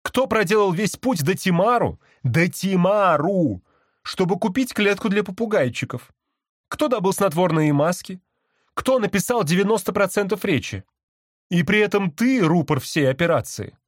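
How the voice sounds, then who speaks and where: A man's voice: high-pitched, animated, normal speed, dry recording, clean studio sound, pitched above the performer's own voice. A man voicing an insistent, indignant young woman activist in an audiobook.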